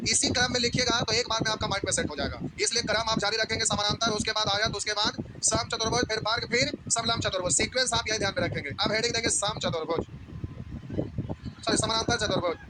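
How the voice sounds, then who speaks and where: A man teaching a math class, dictating notes slowly and repeating each phrase for students to copy. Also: sits high, steady tone, background noise. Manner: casual, checks if students follow.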